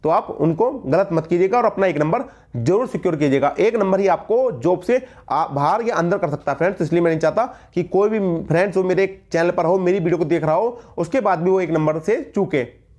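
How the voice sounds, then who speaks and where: Male Hindi-accented tutor, high pitch, emphatic and repetitive, talks straight to students. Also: a little fast, a little mellow. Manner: emphatic, repeats key words, addresses viewers as friends. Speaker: teacher. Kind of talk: Hindi grammar lesson for exam prep.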